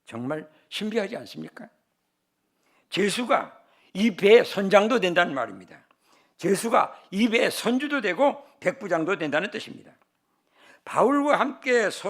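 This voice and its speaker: An older man from the Chungcheong region, a senior pastor, preaching a sermon in an animated way and telling humorous personal stories. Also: high-pitched. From Chungcheong, South Korea.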